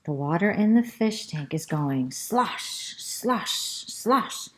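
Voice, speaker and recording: A woman's voice: lowish voice, expressive. Woman reading as a chatty classroom parrot. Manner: slow, sing-song rhyming delivery. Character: chatty, fussy pet parrot narrating as a female classroom pet. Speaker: storybook reader. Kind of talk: reading a children's storybook aloud.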